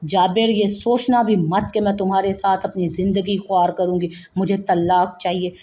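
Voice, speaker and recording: A tearful, defiant young wife, as a woman storyteller reads her lines. She sobs and pleads but holds her ground, in a mid-pitched voice typical for a woman. A dramatic audiobook romance scene. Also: steady tone, moderate pace, dark tone, close to an everyday voice. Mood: shouting. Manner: sobbing, pleading yet firm.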